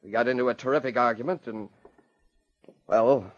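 An actor playing an earnest, troubled frontier brother in a 1950s radio drama. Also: male voice, medium pitch, normal speed, close to an everyday voice. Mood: grave. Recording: dull old radio broadcast.

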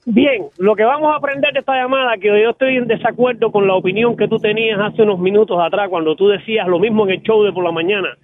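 A Cuban man calls in with a high, loud voice, heard over a thin, tinny phone line. He has a cold and keeps his jokey talk loud. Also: quick pace, few pauses, no echo. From Cuba. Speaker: caller. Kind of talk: call-in radio chat.

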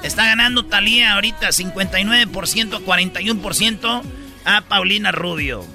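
A man's voice: high-pitched, fairly quick, gravelly, bright, forceful tone, soft background music. A man with a Mexican accent hosting a comedic radio talk show like a hammy, playful announcer.

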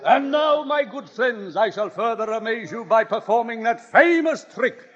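An actor playing a smooth-talking medicine-show swindler with grandiose, flowery patter in an old radio drama. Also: male voice, extremely high pitch, lively intonation, normal speed, full character voice. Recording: dull old radio recording with long reverb.

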